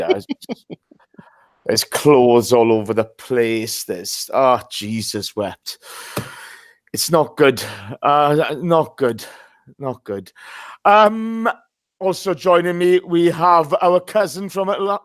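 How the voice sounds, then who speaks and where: A man's voice: on the high side, slow, dry recording. Hungover man hosting a football chat, dry sound. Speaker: host of a football fan live show. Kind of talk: casual live chat.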